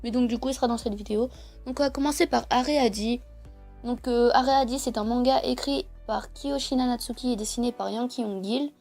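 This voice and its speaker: A woman's voice: on the high side, brisk, darkish tone. A young woman talking casually to camera about comics she recommends, hesitant and full of fillers. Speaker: manga reviewer. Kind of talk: casual video monologue. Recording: faint background music.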